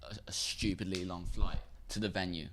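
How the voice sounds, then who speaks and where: A man's voice: low-pitched, fairly even intonation, normal speed, a bit bright, slight background noise. A young man from Liverpool with a Liverpool accent, a band member chatting in an interview, rambling and tripping over his words. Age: young adult. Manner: rambling, stumbles and repeats words. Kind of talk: casual interview chat.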